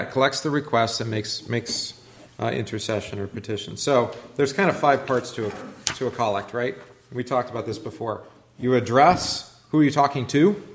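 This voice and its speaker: A man leading an informal church class, talking conversationally and putting questions to the group. His voice sits at an ordinary middle pitch for a man. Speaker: pastor teaching a class.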